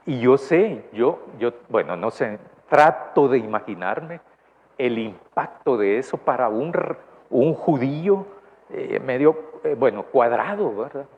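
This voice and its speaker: A man's voice: medium pitch, expressive, measured pace, slightly rough. A man with a Salvadoran accent preaching a conversational sermon, often asking his congregation questions. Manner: asks the congregation questions, tag "¿verdad?". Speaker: pastor. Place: church. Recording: dull lo-fi church recording, faint noise.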